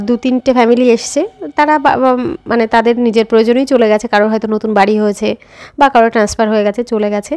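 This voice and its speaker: A woman's voice: fairly high pitch, a little mellow. A woman, chatting directly to viewers in a casual daily vlog. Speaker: vlogger.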